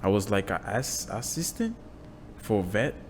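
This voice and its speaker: Low-voiced young Brazilian man, halting English. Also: very animated, crowd noise. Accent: Brazilian Portuguese. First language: Portuguese. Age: 20s. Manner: halting, broken English, many "you know" and "and the" fillers. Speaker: guest, jiu-jitsu instructor. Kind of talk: casual interview. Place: small home gym.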